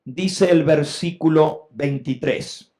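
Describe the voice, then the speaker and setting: High-voiced, slow-preaching male pastor. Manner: preaches with swelling emphasis, rising loud on key points. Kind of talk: sermon.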